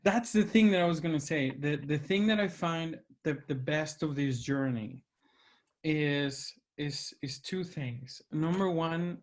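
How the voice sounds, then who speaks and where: Here the host is a man with a Mexican accent whose voice is fairly high and whose pace is a little slow. In this reflective conversation he talks earnestly, often hunting for the right words.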